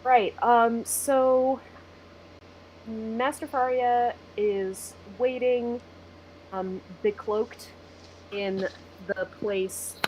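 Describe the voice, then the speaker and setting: A woman narrating a tabletop game as game master, deliberate as she sets scenes. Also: on the high side, fairly even intonation, a little mellow, slight background noise, low-quality recording.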